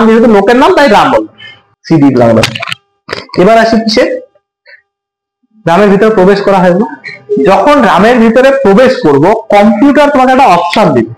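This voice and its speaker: High-voiced male teacher. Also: roomy sound, low-quality recording. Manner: colloquial, asks students questions often. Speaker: computer teacher. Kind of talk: classroom lesson with everyday examples.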